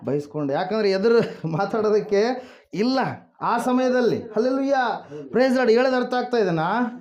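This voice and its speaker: A man's voice: high-pitched, expressive, normal speed, a little mellow, highs cut off. A man preaching a sermon who keeps asking the congregation questions, answering them himself and calling out hallelujah and praise the Lord. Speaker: pastor.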